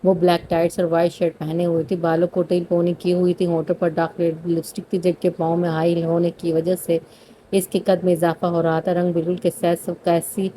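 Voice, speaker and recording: A woman's voice: fairly low pitch, monotone, mellow, slight background noise. A woman narrating a romance novel, reading steadily with occasional slips and restarts. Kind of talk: scripted audiobook narration.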